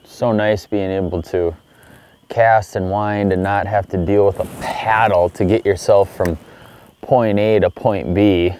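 A middle-aged man hosting a casual fishing tutorial from a kayak on a small lake, talking easily and breaking into excited exclamations. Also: on the low side, unhurried. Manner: relaxed, upbeat, excited exclamations when fish bite. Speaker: fishing video host.

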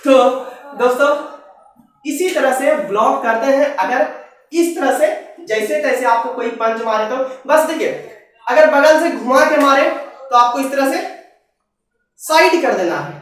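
A man's voice: very high voice, animated, measured pace, pauses often. A man teaching self-defense as a karate instructor, talking casually and repeating himself while he demonstrates moves. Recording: very echoey room, mic far away.

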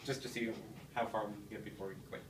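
A man's voice: fairly low pitch, fairly even intonation, fast talker. A young man chatting casually as he takes part in a challenge video. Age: young adult. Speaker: challenge participant. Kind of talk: casual chat. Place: small indoor room with sink. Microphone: handheld phone a few feet away. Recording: echoey room, distant phone mic, clear noise.

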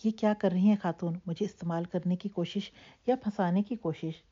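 A woman's voice: lowish voice, steady tone, warm tone, husky. A woman narrator voicing a wry, irritated young man who mutters to himself, on a dull lo-fi recording.

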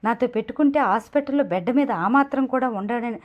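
A hot-tempered young woman snaps and scolds in this audio-novel scene, read out by a woman narrator. The voice sits a bit high. The recording sounds dull and lo-fi. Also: a little fast, lightly acted. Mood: irritated. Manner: angry scolding.

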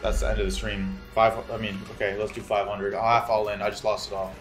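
A man livestreaming his gambling, swinging between explosive shouting and muttered swearing. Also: on the low side, level tone, fast talker. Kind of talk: livestream reactions. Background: music.

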